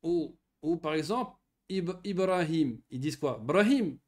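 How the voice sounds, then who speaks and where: A man's voice: fairly high pitch, measured pace. A man from Morocco teaching an online Arabic grammar lesson to children, explaining patiently and often checking that they follow. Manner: patient, lively explanations with frequent checking questions.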